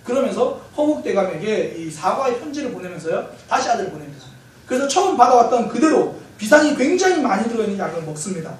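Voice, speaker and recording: A man preaching a Sunday sermon as pastor, telling stories in a lively way with light humor. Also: sits high, quick pace. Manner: lively storytelling with self-corrections and light humor. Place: church sanctuary. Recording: very echoey church hall, mic far off, faint hiss.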